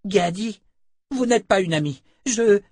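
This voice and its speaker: A man's voice: high-pitched, animated, a little slow, darkish tone, dry recording, studio quality, pitched above the performer's own voice. A man voicing a distrustful, loyal teenage boy in an audiobook, with a suspicious, questioning manner. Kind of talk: audiobook character voice.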